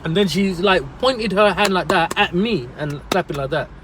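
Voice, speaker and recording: A man, a delivery driver, giving earnest, repetitive advice and animated stories in a casual livestream. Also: high-pitched, moderate pace, noisy background.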